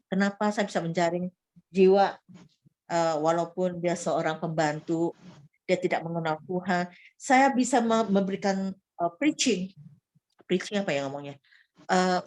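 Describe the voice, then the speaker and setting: A church member recovering from illness shares her personal faith testimony with a church group, animatedly retelling her prayers and often restarting. Her voice sits in the mid-range, and the recording is rough.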